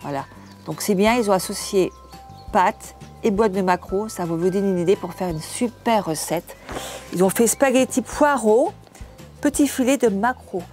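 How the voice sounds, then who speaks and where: A woman's voice: medium pitch, darkish tone. Older lady chatting away unboxing snacks at home, homely, trips over words a bit, faint music behind. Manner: chatty, homely, halting with restarts. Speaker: cooking channel host. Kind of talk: casual unboxing chat to camera.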